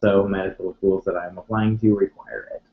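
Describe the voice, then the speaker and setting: A man's voice: deep voice, flat delivery, fairly quick. A young man in his twenties co-hosting an advice show, chatting casually, joking and sarcastic, a bit tipsy from wine. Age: 20s. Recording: echoey room, tinny phone-like sound.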